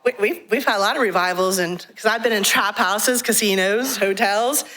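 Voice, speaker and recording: A woman from a ministry giving a frank, animated testimony talk in a church, telling her story with laughs. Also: medium pitch, normal speed. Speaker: guest speaker from a ministry. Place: church sanctuary.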